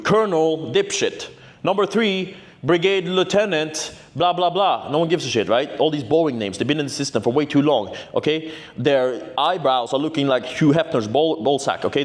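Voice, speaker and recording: A man, telling a story to camera in a brash, boastful, profane way, often tagging "right?" onto his sentences. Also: a little high. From Norway. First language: Norwegian. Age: 20s. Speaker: vlogger. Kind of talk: casual storytelling vlog.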